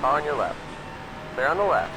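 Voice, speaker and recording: A man's voice: a little high, sing-song, normal speed, music in the background, poor audio. A man voicing a race spotter in a racing game, giving terse, clipped pit radio calls. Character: terse male race spotter calling gaps.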